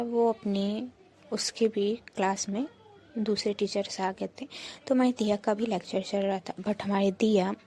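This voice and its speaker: A woman's voice: mid-range voice, dark tone. A woman narrating an audio love story in a casual, chatty way, often speaking straight to her listeners. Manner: chatty, addresses listeners directly.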